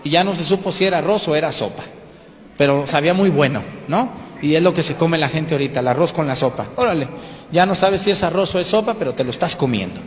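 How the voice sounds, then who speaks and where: A man's voice: on the high side, fast talker, long reverb tail. A man preaching a colloquial sermon to a congregation, explaining and asking them questions.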